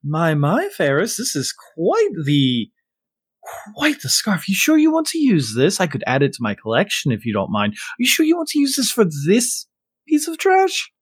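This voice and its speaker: A man's voice: high voice, wildly swooping pitch, breathy edge, dry recording, voice pushed up, heavily acted. Flamboyant, florid fantasy clan leader, acted by a man at a game table, teasing and courtly, dry recording. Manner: florid, effusive, drawn-out politeness.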